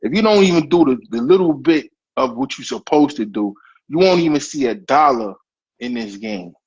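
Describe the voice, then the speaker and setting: A man's voice: mid-range voice, expressive, normal speed, a little mellow, slightly rough. A man hosting a casual talk, emphatic and repeating his points as he gives advice. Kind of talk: casual podcast chat. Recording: dull lo-fi stream audio.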